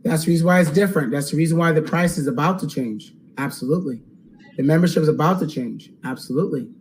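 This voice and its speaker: A man hosting a live webinar Q&A, upbeat and salesy, checking in with "okay?" and going hoarse. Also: on the high side, quick pace, a little hiss or hum, poor audio. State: losing his voice. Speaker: online course host.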